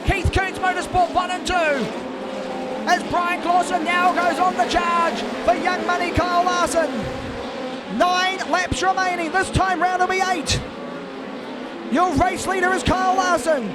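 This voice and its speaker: High-pitched shouting hype race announcer, a man. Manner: excitable, shouting, building drama with drawn-out calls. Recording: loud engine and crowd noise behind.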